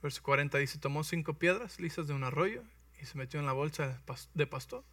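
A man preaching a sermon in lively storytelling style, acting out voices and checking in with his listeners. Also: a little high, a little fast, no room sound. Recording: voice from some distance, dry.

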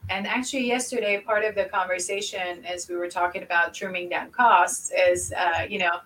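A woman's voice: lowish voice, normal speed, recorded from a distance, rough recording. A woman from Lebanon co-hosting a business podcast, speaking animatedly and laughing now and then. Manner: animated, laughs often, repeats for emphasis. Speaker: podcast co-host. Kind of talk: casual business chat.

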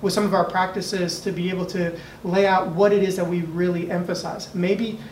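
A man's voice: high voice, flat delivery, normal speed, darkish tone. Earnest American man in an echoey room. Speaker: discussion moderator, educator. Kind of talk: thoughtful unscripted discussion. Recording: echoey room, distant mic, faint noise.

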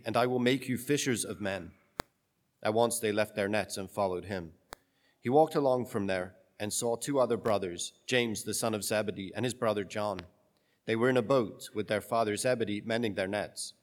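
A man serving as priest reads the gospel and then preaches a homily in a conversational, halting way, with his voice carrying a long cathedral-like echo from the pulpit. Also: on the low side. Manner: conversational, halting, with many restarts. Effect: long cathedral-like church echo. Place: church, speaking from the pulpit. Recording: long reverb of a large church.

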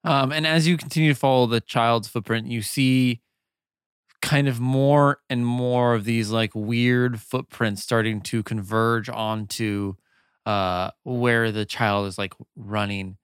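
A man narrating as game master in a tabletop role-play game, unhurried and descriptive, with many fillers. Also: mid-range voice, steady tone, clean tone, no echo, clean studio sound.

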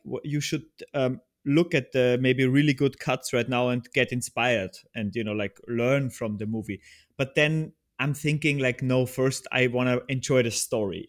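Hesitant Austrian-born man, guest on a podcast. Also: mid-range voice. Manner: hesitant, many restarts and fillers. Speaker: podcast guest, video trailer producer. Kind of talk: casual interview chat.

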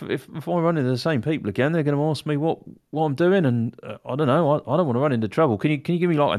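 A man's voice: a little high, darkish tone, lightly acted. A man voicing a nervous male adventurer who stammers as he tries to bluff his way out. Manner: stammering, anxious.

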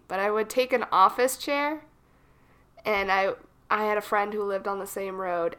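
A young woman co-hosting a casual podcast chats away in rambling stories, a bit froggy from a cold. Her voice is mid-range, pushed and bright.

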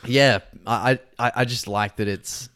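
A man's voice: medium pitch, steady tone, normal speed, a bit bright. A man co-hosting a podcast, chatting casually about films, swearing and laughing as he animatedly retells scenes. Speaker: podcast co-host. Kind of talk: casual film chat.

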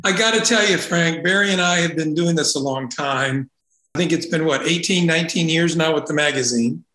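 A man's voice: on the high side, brisk, bright, forceful tone. A man co-hosting a podcast interview, upbeat and conversational. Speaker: podcast co-host. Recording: roomy echo.

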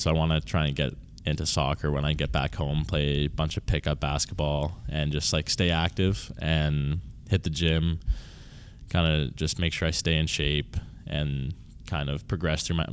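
A man in his early twenties, a university volleyball player, answering interview questions casually and haltingly, often restarting and trailing off. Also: extremely low pitch, clear, resonant tone. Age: 20s.

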